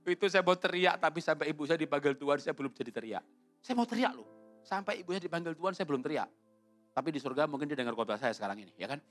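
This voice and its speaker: A man from Solo, a pastor telling a humorous sermon story that suddenly jumps high and loud, then closing in prayer. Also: quick pace, faint music behind. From Solo, Central Java, Indonesia.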